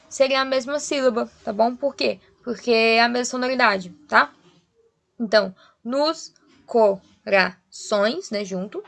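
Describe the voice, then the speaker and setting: Woman teacher, young adult, a touch higher than usual with vocal fry, patient explanatory delivery. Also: fairly bright tone. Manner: explanatory, checks in often with rhetorical questions. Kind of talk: online class lesson.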